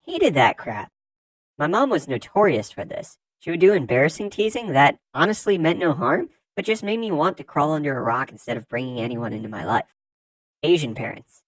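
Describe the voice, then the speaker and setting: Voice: mid-range voice, lively intonation, normal speed, no echo, rough recording. Dry, close-miked narrator reading forum posts. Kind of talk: scripted narration.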